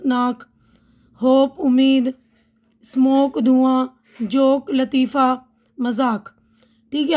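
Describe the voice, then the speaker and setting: Woman, patient teacher, slow, repeats words with meanings. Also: sits high, a little mellow. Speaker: English teacher. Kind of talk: slow spoken-language lesson.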